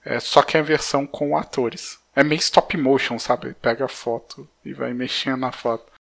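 A man in a relaxed podcast chat, talking casually with co-hosts. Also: mid-range voice, normal speed, creaky.

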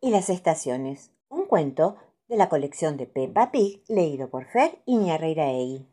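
A woman's voice: sits low, big pitch swings, measured pace. Sing-song woman reading children's stories. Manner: soft, playful, sing-song delivery. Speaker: storyteller.

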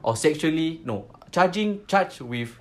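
A man's voice: a little high, lively intonation, measured pace. A man with a Singaporean accent co-hosting a podcast, chatting casually in colloquial Singlish with slang and swearing. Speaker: podcast co-host.

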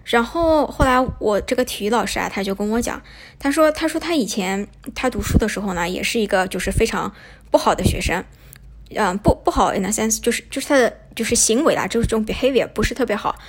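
Young woman host from China, rapid-fire casual storytelling, slightly husky tone. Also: fairly high pitch, lively intonation. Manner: chatty, poses and answers her own questions. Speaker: podcast host.

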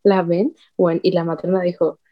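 A young woman with a Chilean accent telling a story in a slangy, animated casual chat. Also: on the low side, normal speed, dull audio.

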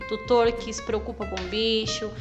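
A woman's voice: on the high side, fairly even intonation, moderate pace, muffled recording, soft background music. A young woman veterinarian in casual chat, emphatic and outspoken, swearing freely. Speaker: veterinarian guest.

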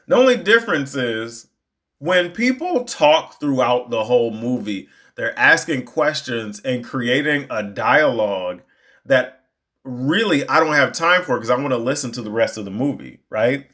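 He is a young man sharing a story off the cuff, lively and meandering, with plenty of restarts and asides. He speaks at a middle pitch for a man and keeps it casual throughout. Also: measured pace. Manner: animated, rambling, with frequent restarts and asides. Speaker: storyteller recounting a movie outing.

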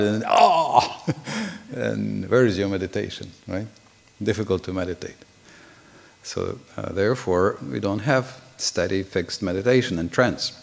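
A man giving a scripture class, chanting Sanskrit verses and explaining them word by word, often clearing his throat. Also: low-pitched.

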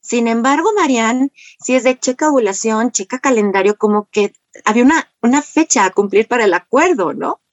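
A middle-aged woman with a Mexican accent, telling a personal story in a lively, conversational way, often asking the audience rhetorical questions. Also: fairly high pitch, brisk, dry recording, muffled recording. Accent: Mexican Spanish. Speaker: speaker sharing personal story. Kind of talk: conversational talk.

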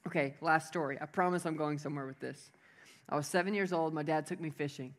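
A young adult man, a pastor giving a lively sermon to a live crowd, telling playful stories and having the crowd repeat words. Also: on the high side, fast talker.

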